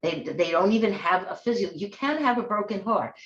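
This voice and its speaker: Woman host, loose conversational monologue, mid pitch, roomy slightly dull recording with faint hiss. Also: animated, a little fast. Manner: rambling and conversational, with frequent restarts. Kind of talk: casual monologue.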